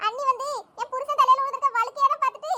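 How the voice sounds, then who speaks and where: A woman voicing chatty village women in an animated cartoon comedy, in a squeaky sped-up tone. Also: rapid-fire. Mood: laughing gossip. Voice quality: very high, sped-up chipmunk-like tone. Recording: loud background hiss.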